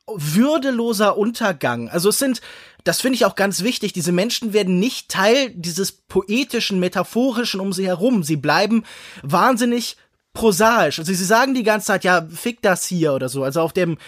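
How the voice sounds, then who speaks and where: A man with a notably high voice, recorded dry and close, who talks about cinema in long, thoughtful sentences. He circles around his ideas and picks his words as he goes, as a podcast co-host. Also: animated, moderate pace, fairly bright tone, no room sound. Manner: reflective, searching for words, long winding sentences. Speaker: podcast co-host, film critic. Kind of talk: analytical film discussion.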